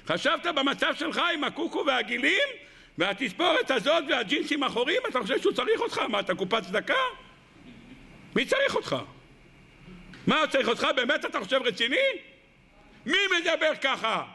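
A man's voice: extremely high pitch, sing-song, creaky, pushed and bright, full character voice. A male preacher voicing the body's scornful inner voice, which mocks and dismisses a sinner during a sermon. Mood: mocking. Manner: sneering, dismissive.

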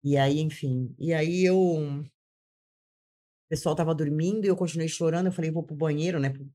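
A woman's voice: sits low, moderate pace, warm tone. A woman giving an intense personal testimony as an interview guest, repeating phrases and acting out what she once said. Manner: intense, repeats phrases, acts out her own past words.

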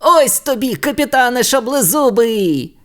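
Man doing a shrill, overexcited childlike dad. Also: animated, unhurried, exaggerated voice. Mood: triumphant. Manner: shouting, eager, overexcited. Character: excitable childlike grown-up dad.

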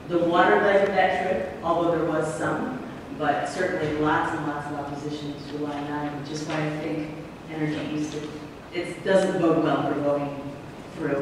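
A high-voiced man from Syracuse, New York, asks a question from the audience during a conference Q&A. He's polite, talkative, and hesitant, recorded on a far-off mic in an echoey hall with background noise.

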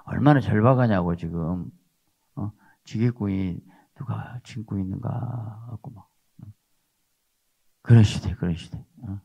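An older man preaching with emphasis, pressing his points with questions to the congregation. His voice is low and gravelly. The recording sounds dull and lo-fi. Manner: emphatic, repeats rhetorical "어?" tags. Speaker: pastor. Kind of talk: sermon.

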